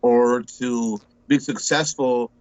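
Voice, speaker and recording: A mellow, medium-pitched man in his forties speaks slowly with fairly even intonation, and the recording is muffled but has no echo. He's a laid-back interview guest chatting casually, rambling with many restarts and repeated words while calling people bro and dude.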